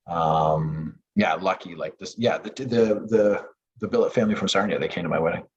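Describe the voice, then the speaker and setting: Low-voiced man in his late thirties, dull recording. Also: a little fast. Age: late 30s. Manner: rambling, many restarts and fillers. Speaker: podcast guest, former junior hockey player and coach. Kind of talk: casual podcast chat. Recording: dull lo-fi sound.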